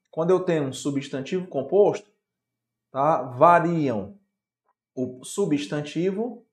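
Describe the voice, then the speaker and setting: A man's voice: a little high, a little mellow. A man teaching Portuguese grammar in an exam-prep lecture, explaining step by step and checking in with short questions. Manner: explanatory, constant check-ins like "tá?" and "certo?".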